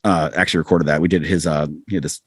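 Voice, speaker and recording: Speaking in a low, steady voice with a breathy edge, a middle-aged man fires off his words rapidly. He's a podcast guest in a relaxed interview, sharing self-mocking stories and voicing the quotes himself. The studio-quality audio has no room sound.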